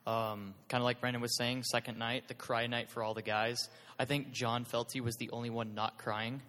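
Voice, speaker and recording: A man's voice: medium pitch, little pitch movement, moderate pace, bright, forceful tone. A young man sharing his church camp testimony into a handheld microphone, earnest and hesitant with many "um"s. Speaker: youth group member sharing testimony. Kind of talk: casual spoken testimony. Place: large hall at a youth church event. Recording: reverberant hall.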